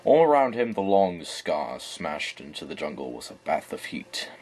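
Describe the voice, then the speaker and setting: Husky low man reading in a put-on English accent. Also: very animated, normal speed, a little mellow. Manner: stumbling, self-correcting reading. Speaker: amateur reader. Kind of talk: audiobook reading.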